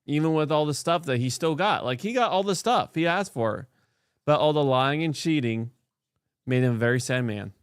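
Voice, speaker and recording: A man streaming a game, chatting casually and reading scripture aloud with animated, joking asides. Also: on the high side, moderate pace, smooth, dry recording.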